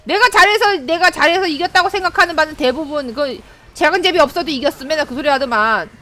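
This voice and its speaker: A woman streaming a game, excitably commenting, yelping and chattering at her own play. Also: high voice, fast talker. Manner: excitable, yelps and chatters at the screen. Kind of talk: live gameplay commentary.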